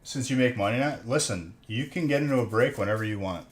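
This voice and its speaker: Here a fast-talking man with a mid-range voice runs a live stream, cracking open card packs. He's in his thirties and keeps up casual, joking banter that teases his viewers.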